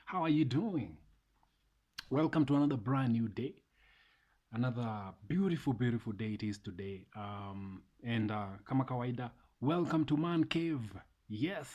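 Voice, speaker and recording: A man, talking casually and warmly to viewers in a motivational vlog, repeating phrases for emphasis. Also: medium pitch, measured pace, lo-fi sound. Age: 30s. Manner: repeats phrases, mixes in Swahili. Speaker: vlogger.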